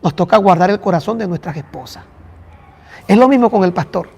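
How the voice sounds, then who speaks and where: A man's voice: sits high, lively intonation, a little fast, gravelly, darkish tone, breathy edge, in a large hall. A man, a pastor teaching a church class and talking directly to listeners by name. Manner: addresses listeners by name, conversational.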